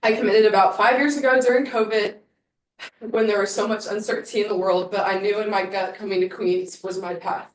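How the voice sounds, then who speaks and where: A woman's voice: medium pitch, steady tone, fairly quick. A woman in her twenties, a swim team captain, giving a heartfelt farewell speech and trying not to cry. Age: 20s. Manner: heartfelt, fighting back tears. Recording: roomy, from a distance.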